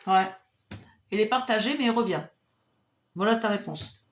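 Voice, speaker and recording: A cheerful woman clairvoyant with a mid-range voice answers viewers' questions on a live stream. She chats freely between readings. Her voice sinks to a quiet murmur when she asks her angels for help. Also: normal speed, a little hiss or hum. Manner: cheerful and chatty, drops to a low murmur for invocations. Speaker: clairvoyant doing pendulum readings.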